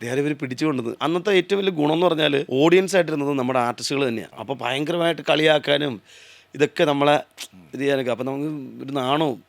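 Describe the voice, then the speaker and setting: A man's voice: fairly high pitch, quick pace, gravelly, no room sound. A man from Kerala, an actor, telling stories of his stage days in a casual interview, now and then singing a line. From Kerala, India. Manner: animated storytelling, breaks into song snippets.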